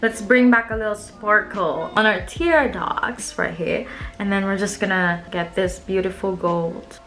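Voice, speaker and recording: A woman's voice: mid-range voice, measured pace, fairly bright tone, faint music behind. A young woman talking viewers through her makeup in a chatty, playful way, as a casual tutorial vlog. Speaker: makeup vlogger.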